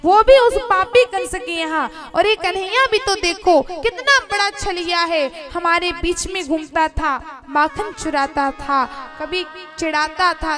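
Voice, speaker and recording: Casting: woman doing lovesick milkmaids, reproachful and pleading, high voice over music. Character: heartbroken village milkmaids, young women.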